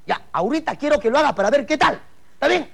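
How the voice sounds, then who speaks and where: A man's voice: very high-pitched, expressive, fast talker, vocal fry, a bit bright, full character voice. A man voicing Dracula as a stern vampire father giving his son orders, on a noisy recording. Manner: instructing, fatherly.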